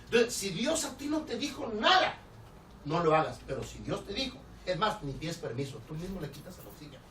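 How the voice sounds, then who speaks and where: Man, Mexican accent, pastor, animated storytelling sermon, lively swinging pitch, distant mic, echoey church hall. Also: fairly quick. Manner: animated, laughing, acts out the people in his story. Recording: roomy, distant church recording with background noise.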